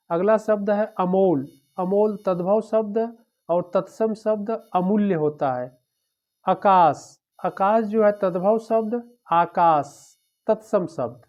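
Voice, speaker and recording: A man teaching an exam-prep lecture, drilling through word pairs one after another in a steady, repetitive way. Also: sits high. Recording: dull lo-fi recording.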